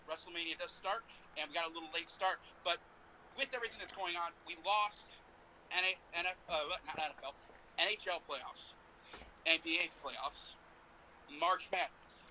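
A man's voice: sits high, bright, forceful tone, a little hiss or hum, rough recording. A man hosting a podcast in a casual, chatty style. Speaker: podcast host.

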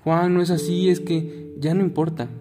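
A man voicing a hurt young woman who pleads with her lover, his voice pushed higher. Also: little pitch movement, moderate pace, close to an everyday voice. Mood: flustered. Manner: pleading, flustered, voice raised higher. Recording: guitar music playing behind.

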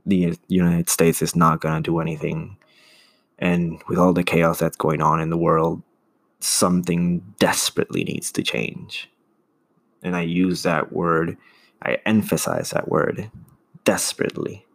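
Man, solo podcast host, very low gravelly voice, earnest and halting. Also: flat delivery. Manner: earnest, searching for words with restarts. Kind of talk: casual opinion monologue.

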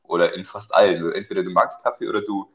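A man's voice: sits low, fairly even intonation, fast. Joking podcast man, dull recording. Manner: joking, hesitant with many fillers. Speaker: podcast co-host. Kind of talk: casual podcast chat.

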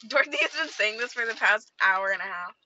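A woman's voice: medium pitch, animated, fast talker, muffled recording, noisy background. A young woman co-hosting a podcast, teasing her sister in casual chat from a parked car. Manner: teasing, dry. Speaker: podcast co-host.

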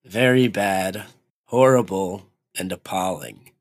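A man's voice: deep voice, slow pace, dry recording. A man co-hosting a casual anime podcast, blunt and swearing freely as he rants about a show. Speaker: podcast co-host reviewing anime. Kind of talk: casual profane banter.

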